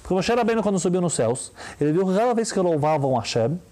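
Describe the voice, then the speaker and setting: A man with a Brazilian Portuguese accent giving a lively religious talk, full of rhetorical questions and quick mimicry. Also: sits high. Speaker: religious teacher. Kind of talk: lively sermon-style talk.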